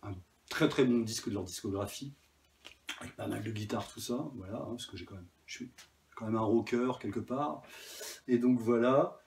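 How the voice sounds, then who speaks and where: A man's voice: mid-range voice, moderate pace, vocal fry, darkish tone, a little hiss or hum. A man casually talking about his new vinyl records, enthusiastic and hesitant, with many fillers. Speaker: vinyl collector vlogger. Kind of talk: casual chat.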